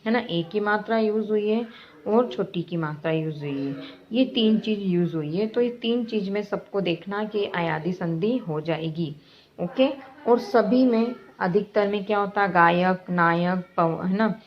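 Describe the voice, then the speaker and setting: Slow, patient woman teacher. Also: medium pitch. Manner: patient, repeats examples, keeps checking understanding. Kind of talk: classroom grammar lesson. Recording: dull lo-fi recording.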